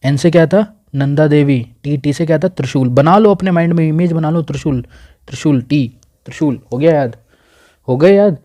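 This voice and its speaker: A man's voice: fairly high pitch, moderate pace, warm tone. Man drilling geography names aloud. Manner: drilling, repeats names, coaxes students to say them aloud. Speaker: exam coaching teacher. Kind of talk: whiteboard lesson. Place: indoors at a whiteboard.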